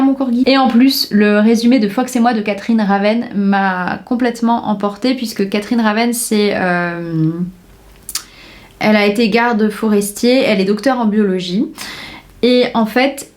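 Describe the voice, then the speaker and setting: A woman's voice: medium pitch, darkish tone. A young woman from France chatting casually about her reading list on her podcast, enthusiastic, with many fillers and restarts. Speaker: book podcaster. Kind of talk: casual book chat.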